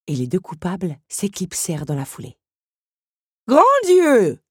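Low husky woman reading a tale. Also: a little fast, warm tone, dry recording, clean studio sound. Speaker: narrator. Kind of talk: audiobook reading.

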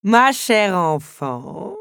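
A woman voicing a slow, gracious storybook countess. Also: mid-range voice, big pitch swings, fairly bright tone, clean tone, no echo, studio quality, voice pushed up, heavily acted. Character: gracious aristocratic older countess, affectionate.

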